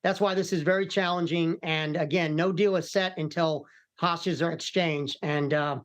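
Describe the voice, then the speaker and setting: A middle-aged American man giving calm, explanatory analysis as an expert guest in a news interview, often repeating words haltingly. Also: on the high side. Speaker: retired military commander and hostage expert guest.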